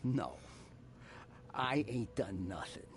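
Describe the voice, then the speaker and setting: An actor playing a surly, evasive barkeep in a video game, gruff and suspicious of outsiders. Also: male voice, medium pitch, sing-song, slow pace, noisy background. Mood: defensive. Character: surly, evasive male barkeep of a seedy port bar.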